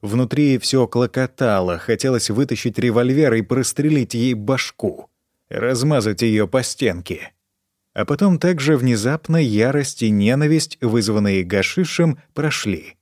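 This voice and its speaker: A man narrates an audiobook from a script in a measured, even reading at medium pitch. The studio sound is clean, with no room sound.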